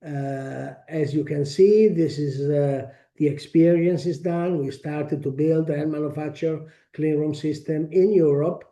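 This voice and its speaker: A man with a strong Italian accent presenting a technical webinar, speaking haltingly with frequent pauses and restarts. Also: a little high, steady tone, dark tone. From Italy. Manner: halting, many fillers and restarts.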